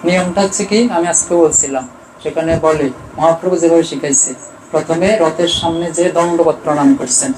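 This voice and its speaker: A man giving a devotional sermon. He keeps asking questions and answering them himself, rising for emphasis and trailing off low. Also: steady tone, fairly quick, a little mellow, roomy sound, a little hiss or hum, rough recording. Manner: rises in pitch and volume for emphasis, trails off low. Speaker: preacher. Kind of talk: devotional sermon with chanted verses.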